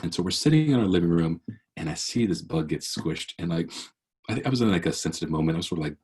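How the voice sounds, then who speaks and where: Low husky man giving an earnest keynote. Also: expressive, fast, darkish tone. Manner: earnest, preacherly, with many restarts. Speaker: keynote speaker. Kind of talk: motivational keynote talk.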